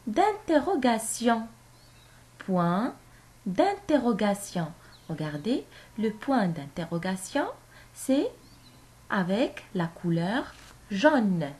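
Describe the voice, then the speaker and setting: A woman teaches a grammar lesson to young children, speaking slowly and clearly in a medium-pitched, darkish voice. She repeats phrases for the kids to say back.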